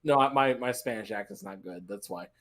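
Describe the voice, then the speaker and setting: Relaxed, joking man on a gaming podcast. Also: mid-range voice, a little fast, gravelly. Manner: relaxed, jokey, filler-heavy. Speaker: podcast co-host. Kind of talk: casual gaming chat.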